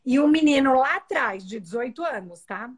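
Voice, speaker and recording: A woman's voice: sits high, expressive, normal speed, crowd noise. A woman from Brazil, a university professor, telling a classroom story in a casual video chat.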